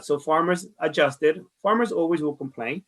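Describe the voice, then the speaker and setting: Being interviewed as a farmers market director, this man from the Dominican Republic speaks with a Dominican Spanish accent. His voice is slightly high and a bit bright, at a normal pace. He answers conversationally and earnestly, often circling back to the same phrases.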